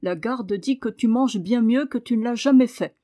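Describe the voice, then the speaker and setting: A woman voicing a kindly, puzzled male doctor in an audiobook, gentle and reassuring. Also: a little high, normal speed, close to an everyday voice. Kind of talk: audiobook reading.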